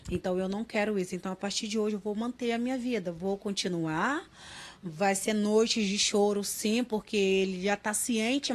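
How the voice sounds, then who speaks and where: A woman, a mother in her thirties, giving a halting, emotional interview and often quoting others in dialogue. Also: medium pitch. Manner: halting, repeats words, quotes others in dialogue.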